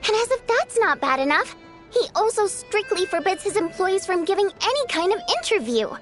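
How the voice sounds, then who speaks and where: A woman voices a proud, easily offended theater singer in scripted video game dialogue, sounding indignant. Her very high voice moves fairly quickly with an expressive, theatrical, pointed delivery over background music.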